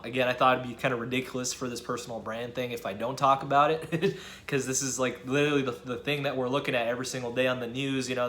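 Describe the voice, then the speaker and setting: Young guy vlogging to camera, rambly and laughing a lot, mid pitch, faint hiss behind. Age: young adult. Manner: rambling, animated, laughs often. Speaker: student vlogger. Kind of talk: casual talk to camera.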